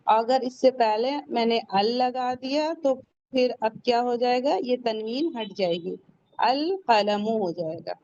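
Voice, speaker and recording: Slow, careful woman teaching recitation. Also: fairly high pitch, dark tone, no echo, highs cut off. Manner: explains step by step, asks questions and answers them herself; slows down to pronounce Arabic words carefully. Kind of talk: tajweed lesson.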